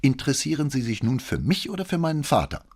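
A man reading in the voice of a haughty young cadet, curt and irritated. The delivery swings in pitch, with a slightly husky edge. It is heard in an audiobook scene. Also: wildly swooping pitch, normal speed, heavily acted. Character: arrogant young male military cadet.

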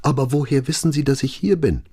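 A male narrator voicing a confused, frightened old woman whose voice trembles and climbs higher as panic creeps in. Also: wildly swooping pitch, normal speed, a little mellow, husky, full character voice. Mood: confused, anxious.

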